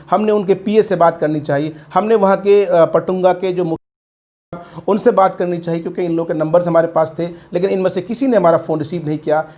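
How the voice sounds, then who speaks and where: A man reporting the news to camera, explaining in a measured way. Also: fairly high pitch, a little mellow.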